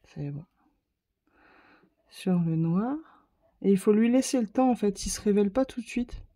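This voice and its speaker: A woman's voice: mid-range voice, expressive, moderate pace, warm tone. A woman hosting a casual craft video, chatting straight to her viewers and poking fun at herself as she works. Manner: chatty, talks straight to viewers while working; self-mocking, light laughs. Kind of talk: casual demo chat.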